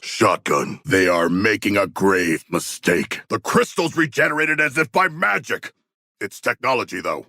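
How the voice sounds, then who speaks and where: King Shark, gravelly formal shark warrior. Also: fairly low pitch, bright, forceful tone, dry recording, studio quality, heavily acted. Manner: formal, stilted, grandiose diction. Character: huge humanoid shark warrior, earnest, literal-minded, proudly battle-hungry. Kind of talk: video game character voice lines.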